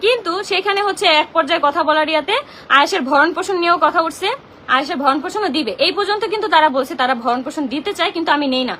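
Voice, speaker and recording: On a phone livestream, a young Bangladeshi woman with a Bangladeshi Bengali accent rants emotionally in a very high, bright, piercing voice. Her rapid-fire complaints come out agitated and confrontational, with faint noise running behind her.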